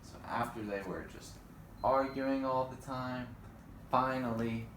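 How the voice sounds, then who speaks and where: This storybook reader has a medium pitch, a slightly bright tone and fairly even intonation, and he never rushes. He reads to children with expression and talks to them in friendly asides, in an echoey room with faint background noise.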